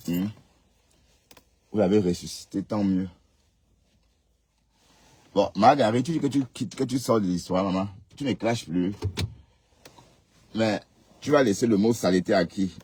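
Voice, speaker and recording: Man hosting a livestream, deep husky voice, lectures viewers, "hein?" tags. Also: mellow. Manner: scolding, rhetorical questions with tag "hein". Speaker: live stream host. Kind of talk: casual live commentary reading comments.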